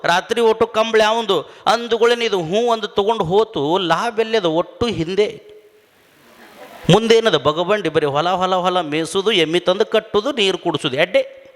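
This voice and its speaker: A man's voice: high-pitched, fairly bright tone, big-room sound. A man with a North Karnataka Kannada accent, telling a humorous folk tale as a spiritual discourse, with repeated lines and voiced dialogue.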